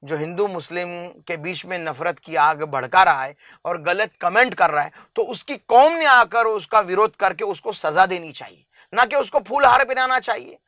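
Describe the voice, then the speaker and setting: A man's voice: high-pitched, lively intonation, bright, forceful tone, no room sound, clean studio sound. A man from India, an interview guest making an impassioned public appeal, earnest and emphatic, stacking up long lists of examples.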